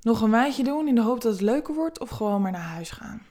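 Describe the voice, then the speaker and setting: Soft-spoken woman reading erotic stories. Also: fairly high pitch, animated, brisk. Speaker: narrator.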